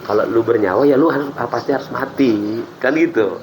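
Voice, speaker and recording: A man who teaches religion, explaining Islamic ideas in a relaxed podcast chat and acting out prayers as he talks. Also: mid-range voice, a little fast, background noise. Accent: Indonesian. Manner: lively explaining with acted-out prayers and laughs.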